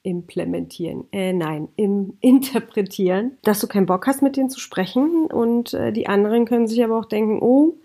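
A woman's voice: mid-range voice, brisk, few pauses, mellow. A woman hosting a podcast, explaining points in lists and speaking directly to her listener. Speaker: podcast host. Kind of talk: informal podcast lecture.

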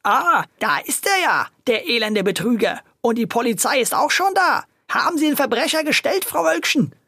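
A storyteller voicing a hot-tempered middle-aged male greengrocer who shouts and rants in a children's audio story. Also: big pitch swings, moderate pace, breathy edge, dry recording, studio quality, full character voice. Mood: agitated ranting. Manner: shrill, shouting and ranting.

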